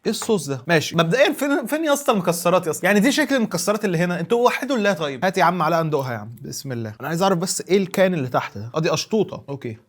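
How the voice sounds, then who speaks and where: A man's voice: sits high, sing-song, racing, hardly any pauses. A man with an Egyptian Arabic accent reviewing desserts in a casual vlog, chatty and exclaiming as he thinks aloud while tasting. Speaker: food reviewer.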